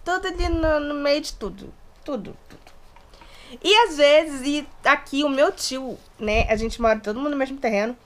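A high-voiced YouTuber in her late twenties from Resende, inland Rio de Janeiro state, Brazil, chats playfully to a close camera in her small bedroom. Her Brazilian Portuguese accent mixes Rio, São Paulo and Minas, and she talks with animated hand gestures.

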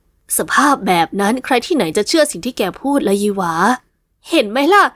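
A woman's voice: on the high side, very animated, fairly quick, a bit bright, no echo, clean studio sound. Woman doing a nagging middle-aged aunt. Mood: scolding. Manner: scolding, nagging. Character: scolding middle-aged aunt, blunt and fretful.

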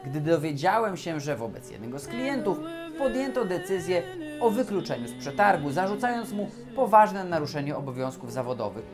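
A man, a lawyer, giving a scripted educational talk on procurement law in a formal, measured and deliberate way. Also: on the high side, big pitch swings, music in the background.

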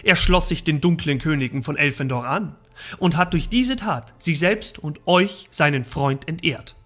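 A man voicing a stern commanding male king, solemn and measured, read from a book in a game. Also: fairly high pitch, expressive, fairly bright tone, faint music behind.

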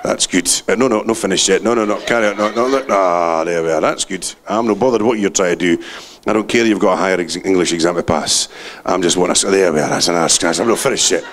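A man doing a gruff, lazy Scottish dog. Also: sits low, fast talker, slight background noise, voice pushed down, natural voice. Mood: contented, insistent. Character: pushy laid-back pet dog demanding scratches.

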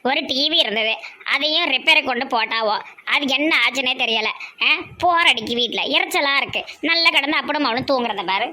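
A woman's voice: high-pitched, sharp tone. A woman voicing a chatty, generous middle-aged village aunt with a Tirunelveli Tamil accent. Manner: gossipy, fast chatter.

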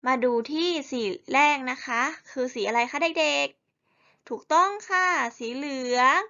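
A woman teacher leading young children through a lesson in slow call-and-response. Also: high-pitched, pushed and bright, highs cut off.

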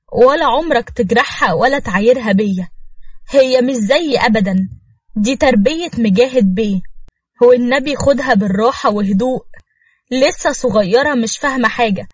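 A woman's voice: on the high side, a little fast, breathy edge, dry recording. A pleading, tearful mother figure, read by a woman. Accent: Egyptian Arabic.

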